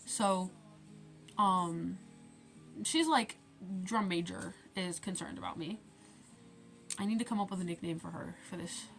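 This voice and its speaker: A woman's voice: lowish voice, unhurried, creaky, pauses often, faint music behind. A teenage girl rambling through a casual storytime rant, acting out conversations as she goes. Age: teens. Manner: rambling, quotes conversations with shifting loudness. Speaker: vlogger.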